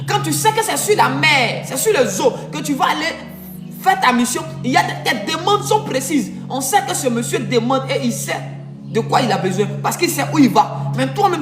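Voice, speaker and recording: High-voiced woman preaching over music. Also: expressive. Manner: emphatic preaching with sung, drawn-out phrases. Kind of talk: sermon. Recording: echoey room with music behind.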